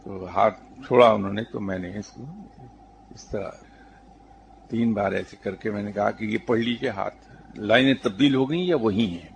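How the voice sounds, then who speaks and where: A man, a spiritual teacher, giving a religious talk in answer to a question, telling stories calmly and at a measured pace, with English terms mixed in. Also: fairly low pitch, vocal fry, slight background noise.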